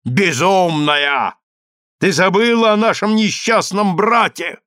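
A frightened young woman begs tearfully for mercy, as a male reader puts her on. Her voice is pitched very high and strained, well above a plain speaking voice, in a dry, close recording. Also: slow pace, pushed and bright, no room sound, full character voice. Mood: desperate. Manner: begging, tearful.

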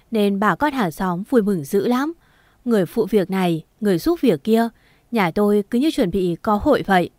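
A woman narrates a first-person short story at a middling pitch. Her reading is gentle and even, and she lightly voices the characters' lines. The recording is dry and close. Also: no echo.

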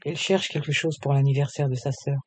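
A man's voice: mid-range voice, steady tone, brisk, slightly rough, close to an everyday voice. A man voicing a shy young woman who works in a clothing shop and blushes easily. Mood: polite. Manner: shy, hesitant.

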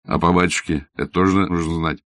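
A man's voice: low-pitched, fairly even intonation, quick pace, a bit bright, no room sound, studio quality. Bazarov, a blunt, mocking young doctor, read by a man. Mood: wry. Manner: curt, ironic, matter-of-fact.

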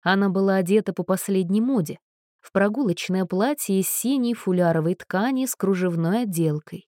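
A woman's voice: mid-range voice, moderate pace, warm tone, no echo. Woman reading a story aloud, dry sound. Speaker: audiobook narrator. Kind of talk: scripted narration.

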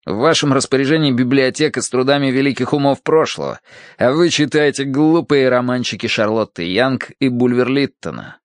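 A man narrating a novel as an audiobook in an even, measured way. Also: medium pitch, no echo.

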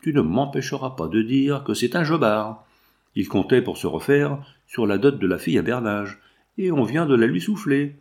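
A man's voice: medium pitch, lively intonation, moderate pace, darkish tone, close to an everyday voice. A man reading aloud, putting on the voice of a bold, cheeky red-haired young showgirl who scolds and teases. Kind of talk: audiobook reading.

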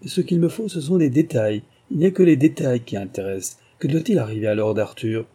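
A man reading an audiobook, voicing a brisk, impatient society hostess in a raised, emphatic voice. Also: mid-range voice, animated, warm tone, close to an everyday voice.

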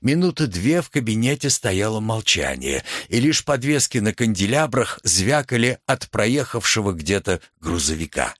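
Give me a theatrical male narrator with a husky, lively voice and a dry recording. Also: fairly low pitch, normal speed, hardly any pauses, no room sound. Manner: expressive, theatrical. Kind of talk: audiobook reading of a story.

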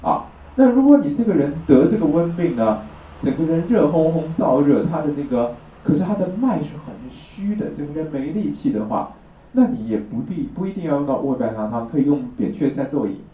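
A man with a fairly high, dark-toned voice teaches a traditional Chinese medicine class, speaking expressively and a little fast. He explains things step by step in this classroom lecture and keeps checking that his listeners agree. The recording is distant, roomy, and lo-fi.

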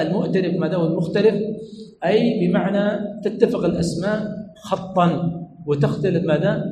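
Quick, high-voiced male teacher in echoey room. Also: warm tone, slight background noise. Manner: repetitive, asks the class "what?" and completes the answer himself. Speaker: sheikh teaching hadith terminology. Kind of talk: classroom lesson. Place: lecture room at a religious study center.

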